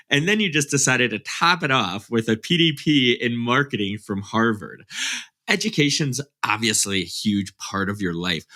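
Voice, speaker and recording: A man's voice: on the low side, pushed and bright. A man hosting an interview podcast, upbeat as he reads out his guest's credentials. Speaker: podcast host.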